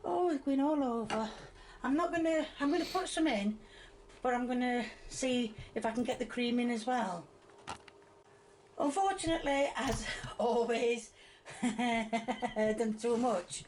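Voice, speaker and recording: An older woman narrates her own home cooking video in a slightly higher voice. She chats hesitantly, pausing and talking herself through every step. A faint noise sits under the recording. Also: a little mellow.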